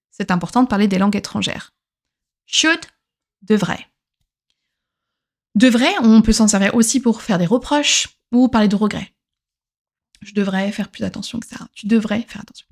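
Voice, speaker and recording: Patient French woman teaching grammar. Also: mid-range voice. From France. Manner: clear, patient explanations, repeats each English example twice. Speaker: English teacher.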